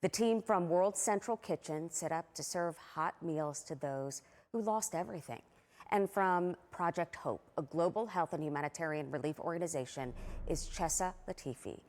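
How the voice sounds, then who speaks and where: A woman's voice: fairly low pitch, moderate pace, darkish tone. A woman working as a news anchor, reading an introduction and putting questions to a guest in a broadcast interview style.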